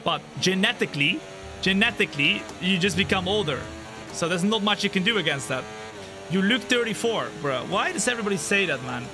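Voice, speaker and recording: Fairly quick in his delivery, a man in his twenties streams sim racing and chats with viewers live. He gets excitable, his voice jumping high, when the race action hits and relaxes in between, with engines and game music in the background.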